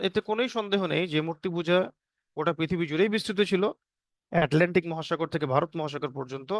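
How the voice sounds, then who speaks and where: A man teaching a class from a book, pausing often with fillers, repeating phrases and reciting Arabic verses. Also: fairly high pitch, no room sound, clean studio sound. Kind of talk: book-based religious lecture.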